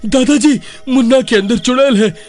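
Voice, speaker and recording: Cartoon young villager: panicky, very high-pitched, faint music. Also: male voice, normal speed, a little mellow. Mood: scared. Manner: panicky, casual slang. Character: jittery young village man.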